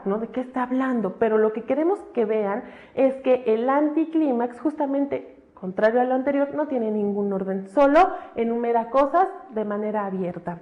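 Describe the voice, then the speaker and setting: A woman teacher, giving a recorded lecture and often checking in with tag questions. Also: high-pitched. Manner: explains with frequent tag questions, animated examples. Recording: dull lo-fi recording.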